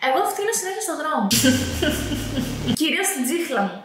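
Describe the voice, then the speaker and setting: A woman's voice: sits high, big pitch swings. A young woman from Greece casually telling funny stories to camera as a vlogger, chatty and laughing, swearing casually. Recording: very echoey room with faint noise.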